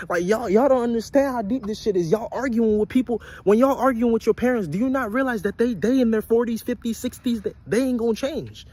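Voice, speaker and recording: A man's voice: very high-pitched, fairly quick, a little mellow. A young man giving a blunt, profane motivational rant to his viewers, repeating his points and preaching about intelligence and life lessons. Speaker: vlogger.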